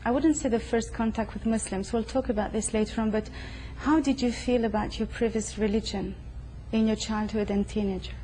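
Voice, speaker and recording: A woman hosting an interview in a private home, asking formal, measured questions. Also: a little high, steady tone, dark tone, slight background noise, rough recording. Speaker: host. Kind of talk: studio-style interview.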